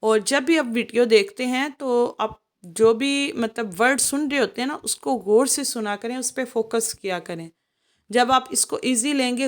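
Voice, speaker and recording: A woman with a fairly high voice gives a recorded lesson to children. She explains each rule patiently. She draws out the syllables slowly so they can copy her. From Pakistan. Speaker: Quran teacher.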